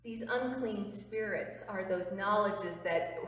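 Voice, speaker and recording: Middle-aged lady pastor giving a sermon, slow and earnest, mic way off, big echoey church. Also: mid-range voice. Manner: earnest, emphatic preaching, dropping to a hush on key phrases. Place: church sanctuary before the altar. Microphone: far camera. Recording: roomy church reverb, far from mic.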